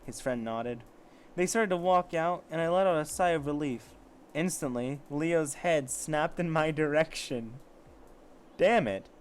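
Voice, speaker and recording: With a fairly high, smooth voice and an unhurried pace, a man casually reads amateur fiction aloud. He is an amateur story reader who keeps breaking in with sarcastic, foul-mouthed commentary.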